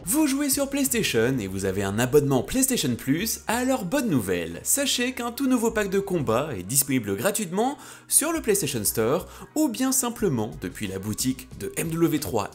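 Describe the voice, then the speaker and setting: A man doing playful, presenterly scripted narration as host of a gaming highlights show. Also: wildly swooping pitch, moderate pace, hardly any pauses.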